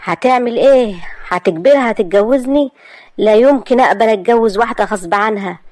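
A woman's voice: on the high side, brisk, darkish tone, no room sound, voice pushed up, lightly acted. A woman with an Egyptian accent voicing an agitated young man who protests indignantly against an arranged marriage.

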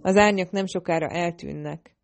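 A man's voice: high voice, creaky. A woman voicing a terse shadow-singer warrior man. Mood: hushed. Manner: hushed, clipped commands.

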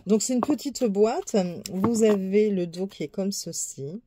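Speaking unhurriedly at medium pitch, a woman on a tarot YouTube channel gives a casual show-and-tell review of her decks. Her chat is relaxed, sprinkled with asides, fillers and small laughs, over background noise.

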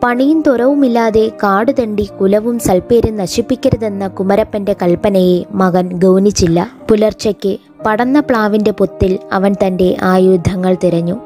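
A woman teacher reading a folk tale from a school lesson aloud in a measured storytelling way. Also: mid-range voice, mellow, faint music behind.

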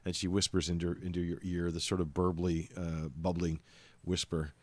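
Deep-voiced man narrating as game master. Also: level tone, normal speed, a little mellow, no echo. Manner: hesitant, many ums and uhs while describing scenes.

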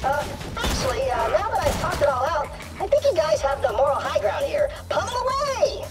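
A chirpy, whiny little male robot from a video game, his pitch very high and swinging all over. He argues with himself in an eager, squeaky robotic voice. He sits back in the mix under pounding music and crowded battle noise. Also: sing-song, moderate pace, far from the mic. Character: chirpy small male robot, chatty and needy.

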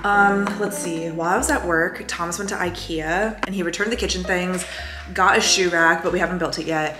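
A woman's voice: fairly low pitch, steady tone, brisk, echoey room, music in the background. A young adult woman talking casually to camera as a lifestyle vlogger, chatty and gushing with lots of fillers. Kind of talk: casual vlog talk to camera. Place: apartment rooms.

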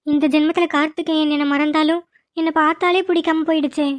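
A woman's voice: high-pitched, little pitch movement, quick pace, dry recording, studio quality, natural voice. A woman voicing a sad, lovesick young snake-woman in a cartoon, speaking in a pleading, tearful way.

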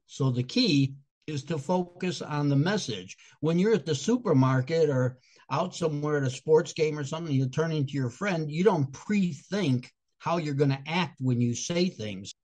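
An older man from Chicago, USA, speaks with a Chicago accent in a slightly high, darkish voice. He is a guest speaker and comedian, answering interview questions earnestly and explaining things, sometimes restarting his phrases.

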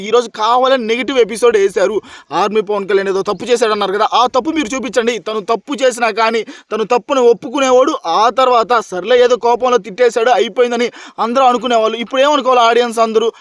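Male reviewer, rapid insistent delivery, lots of rhetorical questions. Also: extremely high pitch, a bit bright, no echo, clean studio sound. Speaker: reality show reviewer. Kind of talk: heated opinion commentary.

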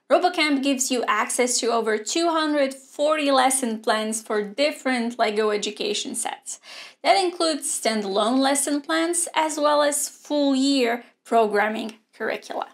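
A young woman presenting a scripted online robotics lesson in a studio, explaining clearly and steadily. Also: high voice. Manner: clear, measured explaining with hand gestures. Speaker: robotics teacher. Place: indoor studio with a grey backdrop.

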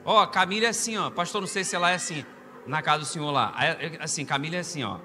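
Brazilian pastor, high bright voice, animated storyteller, long church reverb, soft music behind. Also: male voice, fast. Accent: Brazilian Portuguese. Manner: animated storyteller, rising to loud preaching. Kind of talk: humorous storytelling sermon. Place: church hall.

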